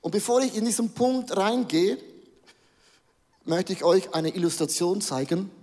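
A man with a notably high voice preaches a sermon, his words trailing off into the long reverb of a large hall. He is middle-aged and talks with lively animation, slipping English words into his phrasing. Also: unhurried.

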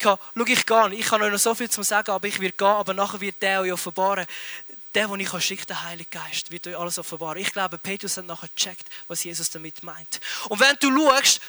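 Man, sermon, high pitch, dry close sound, emphatic storytelling. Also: dry recording. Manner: animated, emphatic storytelling with repeated words. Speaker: preacher.

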